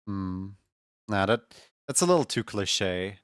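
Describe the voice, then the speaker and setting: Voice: sits low, animated, takes it slowly, clean tone, dry recording, clean studio sound. A streamer chatting casually while drawing on a livestream, playful and given to cutesy exclamations. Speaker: streamer, animator.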